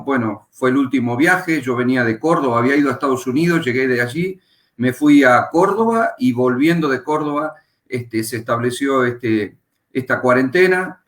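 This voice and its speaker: A calm, middle-aged Argentine man with a medium-pitched voice and an Argentine Spanish accent, a pastor and Bible teacher, tells his life story as an interview guest. He speaks unhurriedly and reflectively, pausing with fillers, in an echoey room.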